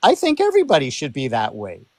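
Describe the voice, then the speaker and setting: Male guest, fairly high voice, informal, emphatic, self-deprecating, close dry sound. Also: wildly swooping pitch, quick pace, darkish tone, no echo. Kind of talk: casual conversation.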